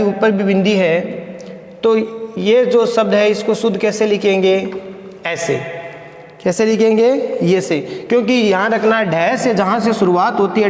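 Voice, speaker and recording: A male lecturer with a fairly high voice talks students through a grammar lesson. He repeats each word slowly and keeps checking that the class follows. The recording rings with a long, roomy echo. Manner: patient, repeats words slowly with many check-ins. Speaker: college Hindi lecturer. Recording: echoey room with long reverb.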